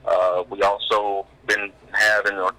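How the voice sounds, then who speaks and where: A man speaks over a phone line into a live news broadcast. His voice is low-pitched with a very bright, sharp edge. He gives a plain, halting official update, stopping often to find his words. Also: flat delivery. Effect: heard over a phone line. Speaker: emergency management director.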